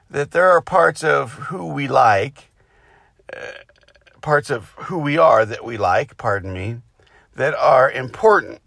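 A man speaks slowly and reflectively, like a spiritual teacher talking off the cuff, with halting pauses. His voice is mid-pitched with a gravelly creak. The sound is dry and close, inside a car with rain hitting it. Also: fairly bright tone, no room sound. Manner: halting, reflective, unscripted delivery. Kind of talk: informal spiritual talk with personal stories.

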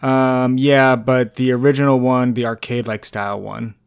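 A man's voice: mid-range voice, flat delivery, moderate pace, creaky, clear, resonant tone. A man co-hosting a casual gaming podcast, laid-back and rambling, often laughing. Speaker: podcast co-host.

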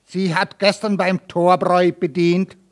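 A man's voice: sits high, level tone, unhurried. A man reading aloud and voicing a stern, scornful village judge who questions harshly and threatens. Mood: interrogating. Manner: cold, threatening, mocking.

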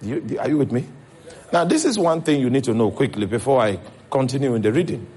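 A man's voice: medium pitch, lively intonation, a little fast, dark tone, breathy edge. A man with a Nigerian accent preaching a sermon as pastor, checking in with his congregation as he goes.

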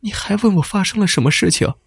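A man's voice: high-pitched, big pitch swings, moderate pace, slightly rough, dry recording, studio quality, voice pushed up, exaggerated voice. A man voicing a worried wife who scolds her injured husband in a raised, nagging voice. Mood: scolding.

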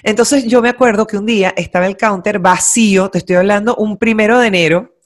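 A woman, co-hosting a casual talk show and telling anecdotes in a lively, slangy, teasing way. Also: medium pitch, a little fast. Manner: animated storyteller, slangy and teasing. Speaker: podcast co-host. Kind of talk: casual chat.

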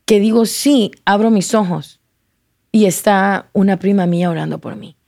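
A woman telling a personal testimony in a conversation, emotional and halting, restarting words and slipping into English. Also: medium pitch, creaky, a little mellow, dry recording, studio quality. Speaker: guest sharing testimony.

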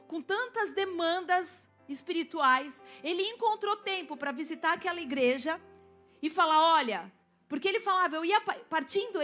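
A woman pastor preaches to her congregation, weaving a personal testimony into the sermon. Her voice sits high, and faint music plays under her words. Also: fairly bright tone. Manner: storytelling, asks the congregation to respond.

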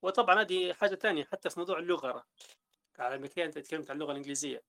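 A man's voice: on the high side, fairly even intonation, very fast, bright, forceful tone. A man with a Libyan Arabic accent hosting a casual podcast conversation, talking through ideas at length and often restarting his sentences. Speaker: podcast host.

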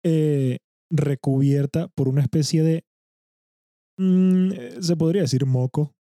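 A man's voice: fairly high pitch, fairly even intonation, unhurried, dark tone, dry recording, clean studio sound. Venezuelan man hosting a casual podcast. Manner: laughs often, hesitant explaining. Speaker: podcast host.

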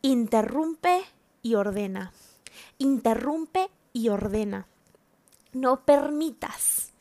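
A woman's voice: fairly high pitch, animated, slow, darkish tone. A woman preaching a sermon to other women, earnest and exhorting, repeating phrases for emphasis.

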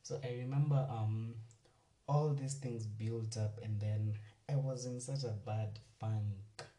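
A man, hosting a casual solo podcast, chatty and rambling as he talks warmly to his listeners. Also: lowish voice, fairly even intonation, slow pace. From Kenya. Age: 20s. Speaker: podcast host. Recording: roomy, distant mic, faint music.

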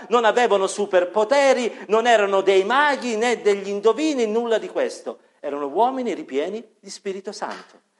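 A high-pitched man delivers an evening sermon with fervent conviction. He rises on key words, sinks to a hushed, prayerful register, and sometimes stops to correct himself mid-sentence. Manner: fervent preaching, rising for emphasis, dropping to quiet prayer. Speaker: pastor.

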